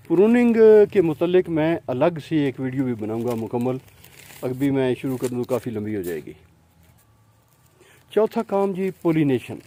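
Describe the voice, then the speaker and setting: Dark-voiced man explaining tomato care. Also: mid-range voice, dry recording. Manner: explains patiently, with frequent fillers and pointing to plants. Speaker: home gardening presenter. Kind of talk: casual gardening tutorial.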